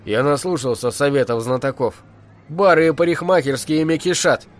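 A man's voice: on the high side, steady tone, normal speed, lightly acted. A man reading the terse, weary lines of a troubled grown man haunted by nightmares in an audiobook.

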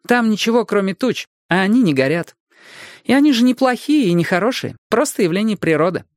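A man doing a calm, businesslike young boy. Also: high voice, a little fast, no echo, clean studio sound, pitched above the performer's own voice. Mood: matter-of-fact. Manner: matter-of-fact, unflustered.

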